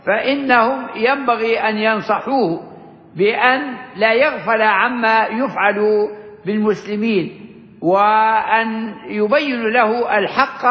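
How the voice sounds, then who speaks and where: A man teaching as a sheikh, explaining a classical religious text in a measured lesson that stops to gloss words. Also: high voice. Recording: echoey hall, dull lo-fi sound.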